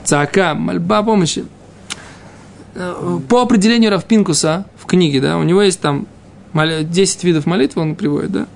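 A man's voice: sits high, moderate pace, creaky, a little hiss or hum. A man teaching an informal religious text class, reading and explaining in fragments with frequent checking questions.

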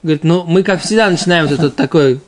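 A Talmud teacher with a voice on the high side talks fast as he gives an informal lesson on a religious text. He explains by posing questions and then answering them himself.

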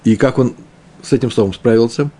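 A man teaching a Talmud lesson, explaining the text aloud, often repeating himself and slowing down on Hebrew terms. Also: medium pitch, mellow.

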